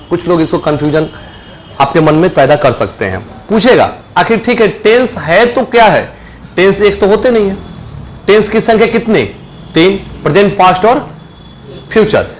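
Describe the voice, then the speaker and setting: A male English teacher with a Hindi accent gives a grammar lesson, asking the class questions, answering them himself and repeating key phrases slowly. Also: sits high, slight background noise, low-quality recording.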